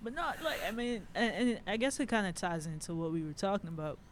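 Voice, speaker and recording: High-voiced easygoing Caribbean man. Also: expressive, fairly quick, slight background noise. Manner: easygoing, laughs often, storytelling. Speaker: podcast co-host. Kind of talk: casual chat.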